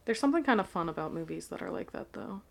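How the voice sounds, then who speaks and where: A woman's voice: fairly low pitch, expressive, fast talker, vocal fry. A woman co-hosting a podcast in casual chat, asking curious questions. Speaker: podcast co-host.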